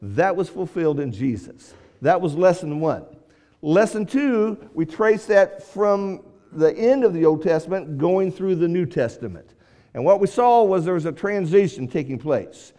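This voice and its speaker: A man preaches to a congregation in a relaxed, conversational way. He doubles back on phrases as he talks. His fairly high voice carries a long hall reverb from the church room. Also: measured pace. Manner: conversational, repeats and restarts phrases. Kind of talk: sermon lesson to a congregation. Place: church auditorium.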